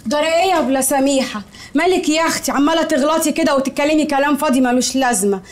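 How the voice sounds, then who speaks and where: An actress playing a pregnant young wife with an Egyptian accent, defensive and pleading. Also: female voice, high-pitched, rapid-fire, close to an everyday voice. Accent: Egyptian Arabic.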